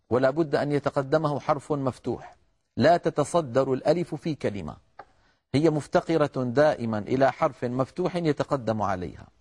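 A middle-aged man teaching the articulation of letters in a measured, explanatory lecture, addressing his listeners as brothers. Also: medium pitch, darkish tone. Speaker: Quran recitation teacher.

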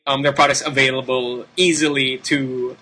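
A Filipino man hosts a casual gaming show. His mid-pitched voice is very bright and sharp, with a Filipino accent. He rambles unscripted and leans emphatically on repeated words. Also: level tone, moderate pace, breathy edge, poor audio. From Philippines. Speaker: video game show host. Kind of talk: casual, unscripted game commentary.

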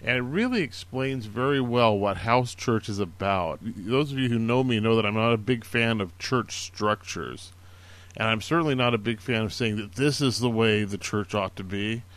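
A man's voice: on the low side, normal speed, fairly bright tone. A man hosting a casual show, recommending books in an earnest, encouraging way, with many fillers and restarts. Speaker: podcast host recommending books. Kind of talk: casual spoken book recommendations.

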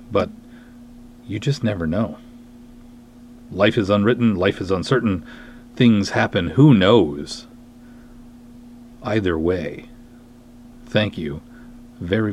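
A fairly low, slightly mellow voice belongs to this podcast host, who also writes and directs. His monologue is wry, self-deprecating and emphatic, mixing chat with dramatic readings of reviews. Slight background noise runs through the clip.

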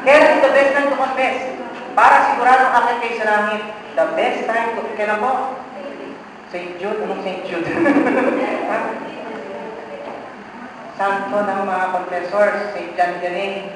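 A priest preaching a sermon, joking and teasing the congregation with quoted voices. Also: male voice, high-pitched, steady tone, a little slow, pauses often, noisy background. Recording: echoey hall, mic far off.

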